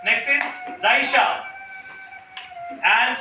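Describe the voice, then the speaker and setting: A woman's voice: high-pitched, fairly even intonation, drawn-out words, background noise. A woman preschool teacher leading a classroom activity with small children, coaxing them with repeated questions and English phrases. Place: classroom, indoors. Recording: echoey room from far off.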